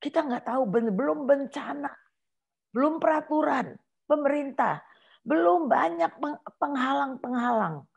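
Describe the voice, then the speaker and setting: A woman preaching a sermon, telling a personal testimony in a lively storytelling manner and acting out her prayers and conversations. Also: high voice, unhurried, gravelly.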